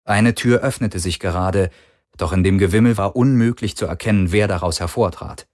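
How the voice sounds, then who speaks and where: A man narrating an audiobook with expressive storytelling. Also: deep voice, normal speed, no room sound, studio quality. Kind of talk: scripted narration.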